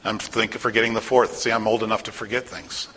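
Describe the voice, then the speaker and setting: A man's voice: lowish voice, little pitch movement, fast, bright, forceful tone, in a large hall, a little hiss or hum, rough recording. A middle-aged man giving a motivational talk in an earnest, self-deprecating storytelling way. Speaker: speaker sharing a personal story.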